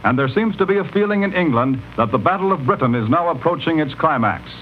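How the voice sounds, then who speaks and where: A man delivering a 1940s radio news bulletin in a formal, measured announcer manner, heard as an old newsreel radio broadcast. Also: fairly high pitch, expressive. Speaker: radio newscaster. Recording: dull lo-fi archival radio with faint hiss.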